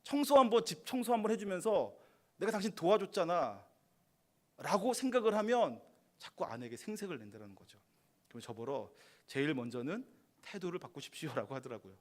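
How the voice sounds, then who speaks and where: A middle-aged man preaching a sermon as pastor, acting out quoted dialogue and rising to emphatic high bursts. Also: big pitch swings, a little fast, a little mellow. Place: church sanctuary.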